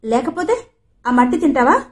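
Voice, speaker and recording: A woman's voice: sits high, big pitch swings, normal speed, darkish tone, voice pushed up. A woman voicing a fussy, squeamish young city man who scolds in a raised voice in an audiobook. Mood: scolding.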